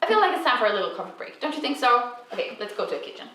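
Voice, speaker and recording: Her voice is fairly high and sing-song, and she talks very fast. She's a chatty Instagram creator from Finland with Swedish as her mother tongue, filming a casual Q&A vlog in her apartment and sprinkling in fillers and soft restarts. The audio is roomy and distant, with music underneath.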